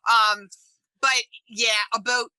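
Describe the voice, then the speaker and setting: A woman guest in a casual interview, telling lively stories about life aboard and laughing often. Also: a little high, slow, no echo, rough recording. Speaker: interview guest, full-time boat liver.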